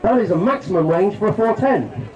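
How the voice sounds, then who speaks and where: A man's voice: sits high, big pitch swings, a little fast, a little mellow, echoey room, low-quality recording. A man giving a jokey, chatty shooting demonstration to a crowd at an outdoor country show. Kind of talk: outdoor live demonstration talk.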